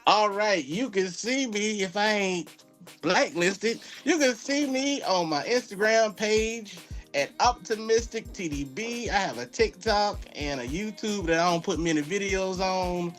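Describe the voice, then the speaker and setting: Comedian guy from florida cracking jokes on a podcast, kinda high voice, some music faint behind. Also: animated, a little slow, a bit bright. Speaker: comedian guest. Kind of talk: casual podcast chat.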